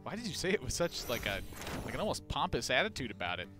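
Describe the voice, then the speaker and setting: A young man co-casting a collegiate card game tournament, breaking down deck lineups with quick, joking asides. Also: medium pitch, sing-song, over music. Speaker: esports co-caster. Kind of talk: tournament commentary.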